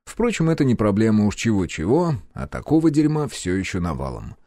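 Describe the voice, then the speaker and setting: A man narrating a first-person audiobook in a measured, calm storytelling manner. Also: fairly low pitch, no room sound, clean studio sound.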